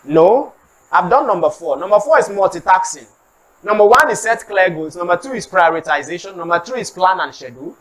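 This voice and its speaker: A Nigerian preacher delivers a motivational sermon, sliding between English and Pidgin asides. The voice swoops through a wide, lively pitch range as he acts out comic street scenes. He keeps calling on the congregation to repeat lines back to him. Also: a little fast, low-quality recording. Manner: animated, acts out comic street scenes, calls for audience response. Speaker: preacher giving a motivational talk.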